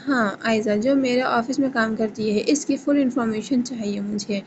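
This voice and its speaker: A woman's voice: a little high, steady tone, highs cut off, background noise, close to an everyday voice. A woman reading the lines of a bitter, angry young male boss in a romance novel reading. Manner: sharp and scornful.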